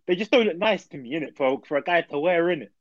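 A man's voice: a little high, animated, quick pace, dry recording, lo-fi sound. Young london roadman guy, slangy and emphatic. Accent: London roadman, multicultural urban London slang. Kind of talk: casual chat, debating opinions.

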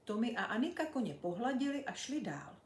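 A woman reading a children's book aloud, expressive and storytelling, in an echoey room. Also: a little high. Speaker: reader.

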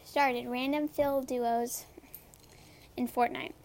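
A young woman with a high girlish voice, chatting casually about gaming, rambling with many fillers and repeated words. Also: steady tone, slow, darkish tone, slight background noise. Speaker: gamer vlogger. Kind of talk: casual chat to camera.

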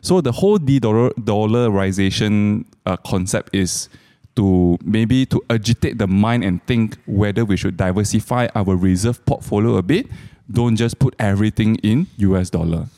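A man's voice: lowish voice, moderate pace, dark tone. A man with a Malaysian accent explaining things casually as a co-host, in colloquial Malaysian English with local particles. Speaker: co-host commentator. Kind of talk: casual explanatory market chat.

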